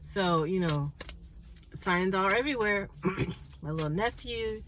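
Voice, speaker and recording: A woman hosting a spiritual card reading for her viewers, chatty and congested, clearing her throat and often checking in with "okay?". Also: medium pitch, expressive, slow, fairly bright tone, a little hiss or hum, poor audio. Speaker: spiritual card reader and channel host.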